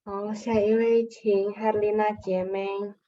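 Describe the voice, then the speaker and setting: Flat-voiced woman calling next reader. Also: mid-range voice, takes it slowly, lo-fi sound. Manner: even, formal announcing. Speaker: session moderator. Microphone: video call.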